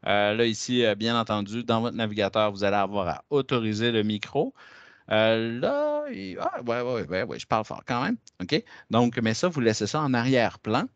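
Chatty Québécois man demoing software. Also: on the low side, sing-song, moderate pace, no echo, dull audio. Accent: Québécois French. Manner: chatty, lots of fillers and hesitations. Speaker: educational technology trainer. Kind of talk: screen-share software demo. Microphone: headset.

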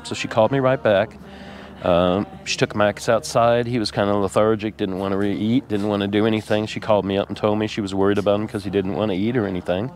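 A man vlogging from his RV, talking tearfully and haltingly with many pauses and fillers. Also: fairly low pitch, steady tone, a little mellow. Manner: rambling, halting, with many ums and uhs. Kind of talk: casual vlog talk to camera.

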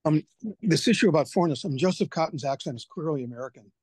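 A man asking a question on a video call, brisk and sprinkled with fillers. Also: a little high, lively intonation, a little mellow, slightly rough, no echo. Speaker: discussion participant.

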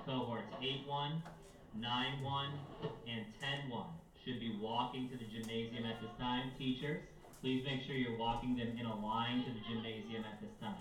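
A man reading school announcements over an intercom, in a measured way that repeats each instruction. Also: mid-range voice. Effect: heard over a school intercom loudspeaker. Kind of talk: public address announcements. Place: classroom, heard from a wall speaker. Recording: echoey distant intercom speaker with faint room hum.

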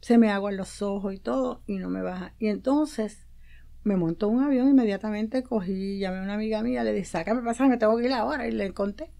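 A woman's voice: medium pitch, a little fast, vocal fry, warm tone. A woman guest on a radio show, telling a personal story with feeling and acting out the dialogue she quotes. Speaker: guest, promoter and publicist. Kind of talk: casual interview talk. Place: radio studio.

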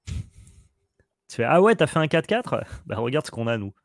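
A man co-hosting casual gameplay commentary, quick and excitable as he coaches his partner through each turn. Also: mid-range voice, vocal fry, no room sound, clean studio sound. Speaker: co-host advising the player.

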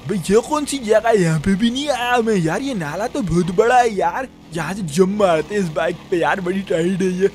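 A man's voice: sits high, normal speed, hardly any pauses, darkish tone, faint music behind, close to an everyday voice. A young man with a Pakistani Urdu accent, voicing a broke, chatty shop helper in a GTA role-play who rambles to himself with frequent chuckles. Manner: rambling self-talk, frequent chuckles and "yaar".

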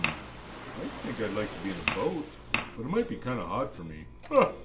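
A man playing a jolly old Santa Claus, reading a children's storybook aloud with playful, musing asides to the kids. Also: a little high. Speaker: storybook reader.

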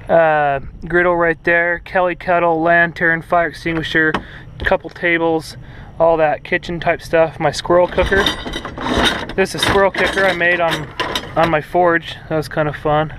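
A man talks through a casual, rambling walkthrough outside in open desert, filling gaps with ums and uhs. His voice is a bit high and flat, with little rise or fall. Clear wind and outdoor noise sits under it on the camera mic. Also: low-quality recording. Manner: rambling, many fillers, hands-on. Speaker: vlogger showing his trailer. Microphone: head-mounted action camera.

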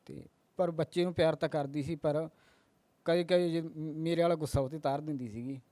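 A man in his thirties giving interview testimony, telling his story in a halting, earnest way with many restarts. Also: fairly high pitch, fairly even intonation, mellow, no echo.

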